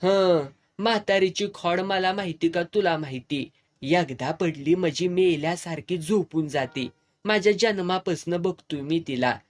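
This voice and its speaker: A man's voice: sits high, a little slow. A man voicing a practical, firm village man who served as a soldier, in a storybook reading. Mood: teasing.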